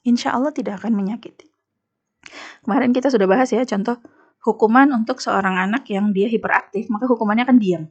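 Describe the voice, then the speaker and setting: A fairly high-pitched woman with an Indonesian accent talks on an Islamic women's show. She speaks emphatically and lively, often acting out the voices in her stories. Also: fast, dull audio. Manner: emphatic, animated storytelling with acted quotes. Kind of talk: talk show conversation.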